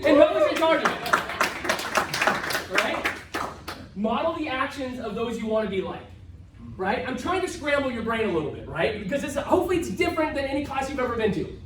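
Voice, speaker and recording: A man delivers a punchy motivational seminar to a live audience, hammering points home by repeating them. His voice sits high and leaps around animatedly. It is captured from across a reverberant room, with a faint hiss of background noise. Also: brisk. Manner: energetic and emphatic, repeats phrases and tags lines with "right?". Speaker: motivational event speaker. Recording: echoey room, far from mic, faint noise.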